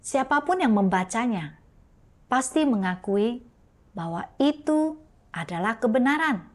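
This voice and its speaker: A woman preaching a sermon in a slow, deliberate way. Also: a little high, animated.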